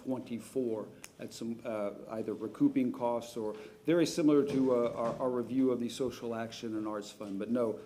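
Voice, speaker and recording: A man who is a city budget official, giving careful, measured answers about event funding to council. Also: mid-range voice, fairly even intonation, mellow, slight background noise.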